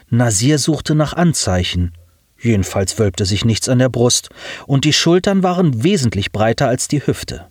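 Expressive male audiobook narrator. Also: mid-range voice, no echo, clean studio sound. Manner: expressive, measured storytelling.

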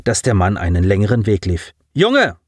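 Lively, dry-voiced male narrator. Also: medium pitch, normal speed, dry recording. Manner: dramatic, lively reading. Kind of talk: audiobook narration.

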